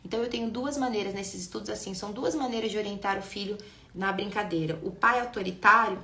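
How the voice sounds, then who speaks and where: A woman, an educator in neuroscience, giving a lively live talk and speaking straight to her viewers. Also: mid-range voice, fast talker, reverberant. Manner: animated, addresses viewers directly.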